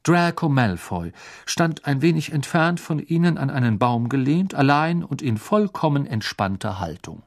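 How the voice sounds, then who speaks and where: A man narrating an audiobook in an expressive storytelling manner. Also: mid-range voice, moderate pace. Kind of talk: scripted narration.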